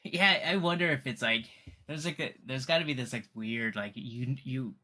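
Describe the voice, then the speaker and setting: A man's voice: medium pitch, normal speed, bright, forceful tone. A man co-hosting a casual film discussion, rambling with lots of fillers and restarts, laughing often. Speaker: podcast co-host.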